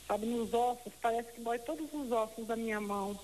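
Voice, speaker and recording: A woman's voice: a little high, a little fast, darkish tone, long reverb tail, a little hiss or hum, low-quality recording. A woman in her fifties calling in over a landline phone, plainly describing her pain. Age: 50s. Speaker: caller. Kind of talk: phone-in question.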